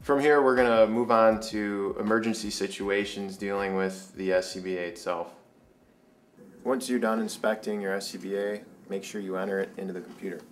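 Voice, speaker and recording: A man's voice: on the low side, fairly even intonation, normal speed, a little hiss or hum. A man giving step-by-step instructions as a firefighter training instructor, in a plain, procedural manner. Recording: echoey room, music underneath.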